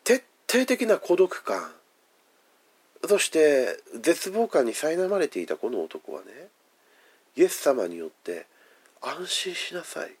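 A man preaching a sermon. He stresses key words by slowing down, then lets his phrases fall away to a hush. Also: on the high side, wildly swooping pitch, husky. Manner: emphatic, drawn-out phrasing with soft, hushed endings. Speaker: pastor.

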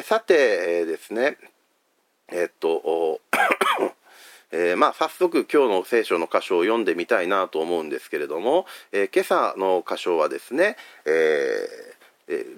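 Chatty low-voiced pastor with a Hakata lilt. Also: male voice, no room sound. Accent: Hakata dialect. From Fukuoka. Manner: gentle, chatty, many fillers. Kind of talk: sermon.

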